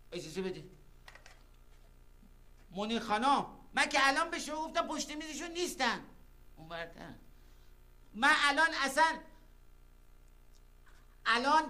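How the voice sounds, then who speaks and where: A man's voice: very high-pitched, big pitch swings, long pauses, sharp tone, heavily acted. A man playing a flustered, fussy office clerk in a TV drama. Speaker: office worker. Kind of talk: TV drama acting.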